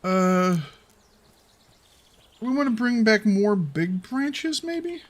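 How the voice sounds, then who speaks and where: A man's voice: sits high, lively intonation, very slow. A young adult man giving playful let's play commentary, taunting the animals in his game. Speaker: gaming video host.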